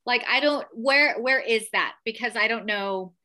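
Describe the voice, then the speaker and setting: A woman's voice: on the high side, measured pace, bright, forceful tone. A woman hosting a podcast in a casual, informal and friendly conversational way. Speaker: podcast host.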